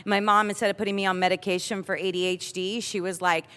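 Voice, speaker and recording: A woman's voice: medium pitch, flat delivery, quick pace, sharp tone. A woman from Miami with an American accent, chatting casually as a comedian guest in an interview. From Miami, United States. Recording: reverberant hall.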